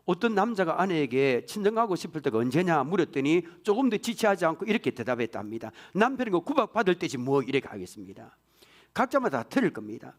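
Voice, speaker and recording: A pastor preaching a sermon in a church, swinging from hushed whispers to loud exclamations. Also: male voice, a little high.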